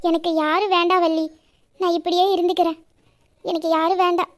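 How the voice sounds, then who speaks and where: A woman voicing a heartbroken, confused young village woman who speaks softly and hesitantly. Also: very high voice, little pitch movement, a little fast. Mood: tearful. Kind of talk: Tamil village audio drama.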